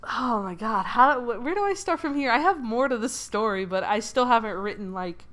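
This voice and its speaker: A woman's voice: on the high side, lively intonation, moderate pace, a bit bright. A woman casually telling a dream story while she doodles, rambling with many fillers, giggles and swears. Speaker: channel creator.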